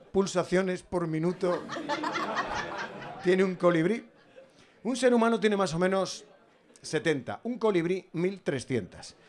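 Male stand-up comedian with a Spain Spanish accent, slightly high voice, animated and ironic. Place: stage.

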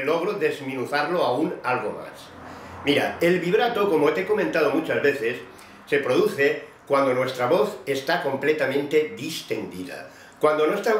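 Male voice coach explaining vocal exercises patiently to a student; slightly high speaking voice; roomy, echoing space. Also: a bit bright. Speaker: voice teacher. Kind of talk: vocal technique lesson.

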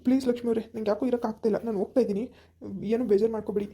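A woman's voice: on the high side, steady tone, mellow, breathy edge. A woman playing a guilt-ridden young husband who is crying and stammers as he pleads, in an amateur village drama. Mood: tearful. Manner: halting, stammering pleas.

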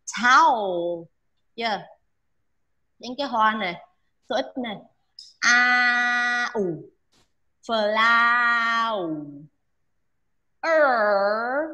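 A woman's voice: fairly high pitch, fairly bright tone. A woman teacher drilling English pronunciation with a class, repeating each sound for students to echo and checking in often.

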